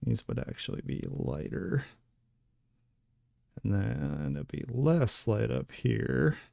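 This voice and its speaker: Slow, gravelly-voiced man chatting while drawing. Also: mid-range voice, animated, dark tone, no echo, clean studio sound. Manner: laid-back, rambling, frequent laughter and "like" fillers. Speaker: streamer and digital artist. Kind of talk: casual chat while drawing on stream. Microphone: desk mic with webcam.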